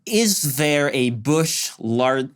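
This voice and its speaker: A man's voice: medium pitch, animated, drawn-out words. A man talking casually as a player in a tabletop game.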